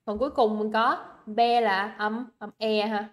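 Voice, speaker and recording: At a measured pace and with a steady tone, a young woman of medium pitch leads an English exam review over livestream. Her Vietnamese accent comes through as she coaxes students chattily, repeating words and checking they keep up.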